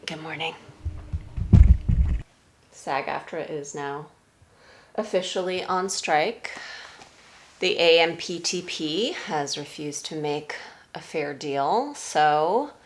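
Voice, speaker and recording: A woman's voice: sits low, expressive, slow pace, pauses often. A woman in her forties, an actress vlogging, chatting casually and self-deprecatingly, with frequent laughs. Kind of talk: casual vlog chat. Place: home, then car.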